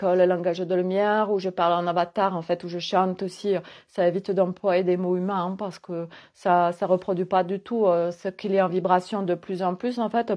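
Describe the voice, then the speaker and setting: A woman's voice: medium pitch, warm tone. Rambling woman with a Gers accent. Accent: Gers, southwest France. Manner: rambling, full of hesitations and fillers. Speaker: holistic coach. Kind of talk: casual spiritual monologue.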